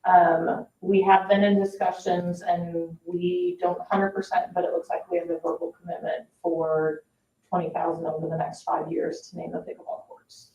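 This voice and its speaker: Warm and level in tone, a woman with a fairly low pitch explains matters at a moderate pace during a public board meeting. She works for the parks department and talks informally, hedging a bit. The recording is echoey, from a dull mic set far off in the indoor room.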